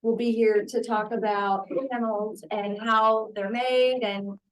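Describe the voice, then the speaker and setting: Higher-voiced woman, slightly distant. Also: little pitch movement, slow. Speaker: meeting organizer. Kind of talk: informal announcements. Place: meeting room. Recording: distant room mic.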